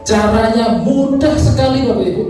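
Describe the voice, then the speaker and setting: A man with a high voice delivers booming motivational speech, exhorting listeners like a seminar headliner. He sounds distant from the mic in a heavily reverberant hall, with music clearly playing behind him. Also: moderate pace. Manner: exhorting, rhetorical, repeatedly addressing the audience. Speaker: business seminar motivational speaker.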